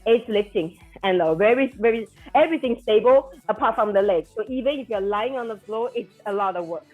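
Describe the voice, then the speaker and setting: A woman's voice: on the high side, brisk. A woman working as an aerobics instructor, calling out counts and commands to a floor workout class in an encouraging, motivating way. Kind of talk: counted exercise cueing to a class. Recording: dull lo-fi sound with music behind.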